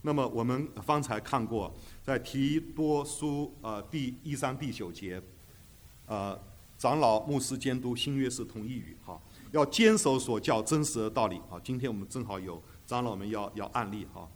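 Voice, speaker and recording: Man, Bible teaching lecture, emphatic, rhetorical, frequent fillers, mid-pitched voice. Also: moderate pace. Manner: drops English terms into speech.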